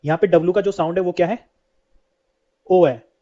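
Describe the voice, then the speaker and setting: With a fairly high, mellow voice that has soft edges, a man teaches English, asking a question and then answering it. His pace is steady and fairly quick, and the recording comes across dull and lo-fi.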